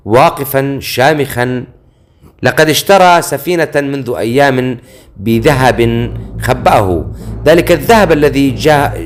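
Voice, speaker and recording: A man narrating a fantasy audiobook in a dramatic, measured storytelling manner. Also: mid-range voice.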